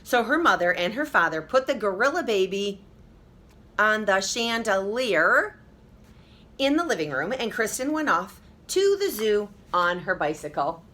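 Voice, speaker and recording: Reading a picture book aloud to a group of children, a woman teacher with a medium-pitched voice sounds expressive and supportive. She pauses at times to address the kids directly.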